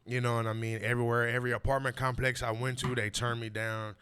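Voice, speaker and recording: A man in his 40s guests on a podcast, telling his story in emphatic, casual talk packed with repetitive street slang and plenty of "you know what I mean." His mid-range voice is fairly bright, delivered flat and at a quick pace, with a little hiss or hum in the audio.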